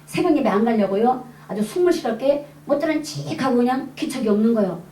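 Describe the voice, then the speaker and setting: A woman evangelist giving a lively testimony sermon to a congregation, acting out the dialogue in her story. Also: on the high side, fast talker. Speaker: evangelist preacher. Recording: echoey hall, mic at a distance.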